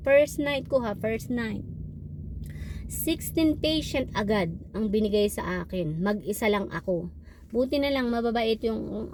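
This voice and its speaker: A woman vlogger who works as a patient care technician, retelling frustrating hospital shifts in an animated, exasperated way. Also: a little high, a little hiss or hum. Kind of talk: casual storytelling vlog.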